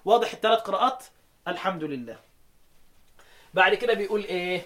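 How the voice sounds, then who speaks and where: Egyptian-accented male recitation teacher; quick quiz questions, slow chanted verses. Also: sits high, lively intonation, fairly bright tone. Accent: Egyptian Arabic. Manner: quizzes listeners with quick questions, then chants verses slowly. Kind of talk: lecture explaining recitation variants.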